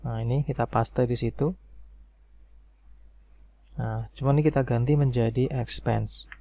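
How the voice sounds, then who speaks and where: A man with a gravelly, medium-pitched voice walks through a spreadsheet in a screen-recorded software tutorial, speaking a little slowly. He explains calmly step by step, using fillers such as "nah" and "oke."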